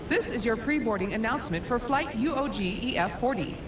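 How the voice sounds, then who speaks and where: A woman's voice: on the high side, brisk, background noise. A woman reading an ad as a formal airline boarding announcement, as if over an airport intercom. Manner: formal, even announcer delivery. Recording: echoey, distant, with music behind.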